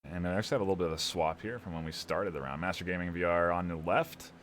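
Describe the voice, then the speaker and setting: A man's voice: deep voice, fairly even intonation, fast talker, a bit bright, a little hiss or hum. A man casting a video game match, giving play-by-play and promoting the league during delays. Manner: upbeat, promotional, talks through delays. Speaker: esports caster. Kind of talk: play-by-play esports commentary. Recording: faint music behind.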